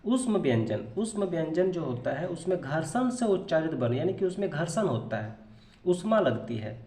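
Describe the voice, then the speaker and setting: A man's voice: fairly high pitch, very animated, moderate pace, mellow, roomy sound. A man teaching a grammar lesson, explaining patiently, repeating terms and answering his own questions.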